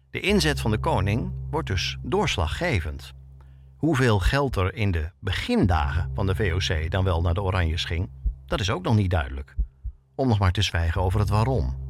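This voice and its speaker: Fairly low in pitch, this man's voice is heard over slight background noise. As a podcast host and reporter, he reads scripted documentary narration that unfolds as a story, with rhetorical questions mixed in.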